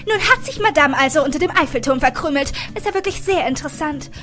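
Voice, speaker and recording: A nosy, giggling young woman, as a female narrator puts her on, pitched well above the reader's own voice and pushing every line loud and eager. She whines and gushes in bursts like an overexcited girl in a storybook audio drama. Soft music runs underneath. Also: quick pace. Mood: excited teasing. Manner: shrill, loud and breathless with excitement.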